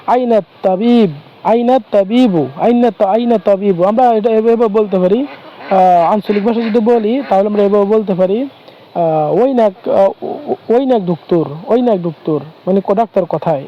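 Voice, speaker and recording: A man teaching everyday phrases in a slow, halting way, often repeating and restarting words. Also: high voice. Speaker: Arabic language teacher. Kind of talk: informal spoken lesson. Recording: dull lo-fi recording.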